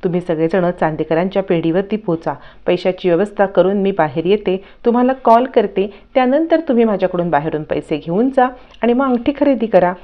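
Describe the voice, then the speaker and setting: A woman voicing a sharp young woman who questions her older sister insistently, in a TV serial recap. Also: mid-range voice, expressive, fairly quick, few pauses, muffled recording, natural voice.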